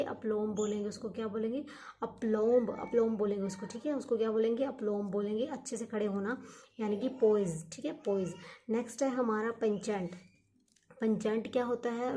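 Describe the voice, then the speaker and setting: Warm, patient woman teaching vocabulary. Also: mid-range voice. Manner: repeats each word and meaning many times, asks and answers her own questions; encouraging, urges students to study hard. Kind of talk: exam-prep vocabulary lesson.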